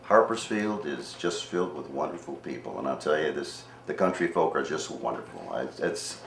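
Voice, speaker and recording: An older retired man from Cleveland, a township trustee talking earnestly and haltingly in a casual radio interview. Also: rumbling low, lively intonation, vocal fry. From Cleveland, Ohio, USA. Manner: earnest, halting, repeats words. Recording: echoey room with faint noise.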